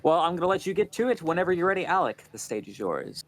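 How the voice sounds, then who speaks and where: A man's voice: fairly high pitch, big pitch swings, quick pace. A male talk show host in casual interview chat, upbeat and chatty, laughing often as he reads out audience questions.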